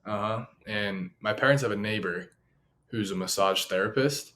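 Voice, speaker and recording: Low-voiced young man telling stories. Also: normal speed, slight background noise. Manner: animated storyteller, acts out quotes. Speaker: podcast co-host. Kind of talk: casual chat.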